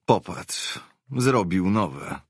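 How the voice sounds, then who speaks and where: A man voicing an agitated, urgent male character in an audiobook, raising his voice and shouting at times. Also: low-pitched, expressive, extremely slow, breathy edge, no echo, clean studio sound, heavily acted. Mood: relieved. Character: agitated man, frantic then relieved.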